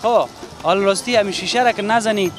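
A male street reporter with an Afghan Dari accent, his voice sitting a little high. He asks friendly, coaxing questions outdoors on a busy city street. Music plays clearly under the whole recording. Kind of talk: street interview.

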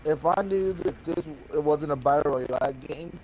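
A man's voice: a little high, moderate pace, darkish tone, a little hiss or hum, low-quality recording. A man playing as the streamer's teammate, chatting casually and often stumbling over his words. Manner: stammering, restarting sentences. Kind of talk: casual gaming chat.

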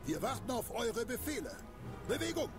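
An actor playing a harsh dark elf unit leader in a video game, curt and commanding. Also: male voice, extremely high pitch, big pitch swings, normal speed. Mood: curt, ready. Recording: game music behind.

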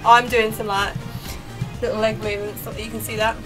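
A woman's voice: on the high side, level tone, brisk, a bit bright, faint music behind, low-quality recording. A young woman livestreamer chatting casually to viewers, sounding tipsy and a bit giggly from drink. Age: young adult. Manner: tipsy, giggly drunk talk. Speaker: live streamer. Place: small cluttered bedroom.

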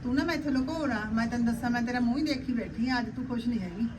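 A woman's voice: on the high side, very fast, distant mic, background noise, lightly acted. An actress playing a caring Punjabi mother-in-law, talking firmly and soothingly to her daughter-in-law.

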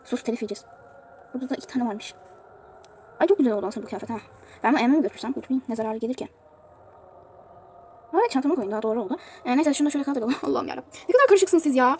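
A woman's voice: sits high, expressive, very fast, pauses often, a little mellow, a little hiss or hum. A woman giving casual commentary on a mobile game she is playing, chatty and prone to exasperated outbursts. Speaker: youtuber showing a mobile game.

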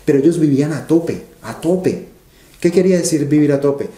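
Guy telling stories in an interview, keeps repeating himself to hit the point, mellow voice, roomy echo. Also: a little high, moderate pace. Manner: animated storyteller, repeats phrases for emphasis. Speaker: finance interview guest. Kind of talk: conversational interview storytelling.

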